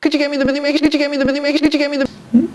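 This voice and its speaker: A man voicing a fussy, flustered male school inspector who repeats himself in a high, fretful voice. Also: flat delivery, rapid-fire.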